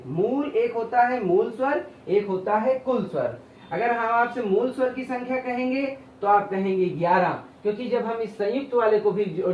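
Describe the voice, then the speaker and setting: A man's voice: high voice, recorded from a distance. A man teaching, holding vowels out long to demonstrate and asking questions he answers himself. He sits well back from the microphone in a roomy, echoing space. The sound is dull, with a faint hiss underneath. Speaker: Hindi teacher. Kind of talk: classroom lecture.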